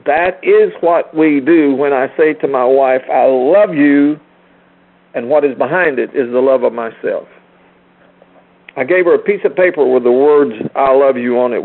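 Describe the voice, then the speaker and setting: Emphatic male preacher with a gravelly creak. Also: mid-range voice, normal speed, phone-quality sound. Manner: emphatic, rhetorical, repeats phrases for stress; addresses listeners directly with questions and commands. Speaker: speaker teaching a group. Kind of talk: sermon-like spiritual lecture.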